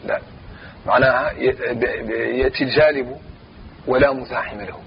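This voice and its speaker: A man teaching a grammar lesson, reciting verse lines slowly and repeating phrases as he explains each example. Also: medium pitch, steady tone, vocal fry, muffled recording, a little hiss or hum.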